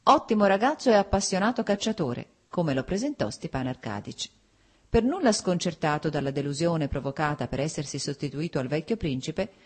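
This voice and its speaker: A woman narrating a classic novel as an audiobook, in a steady, even reading voice. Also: sits low, slightly rough. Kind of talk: scripted narration.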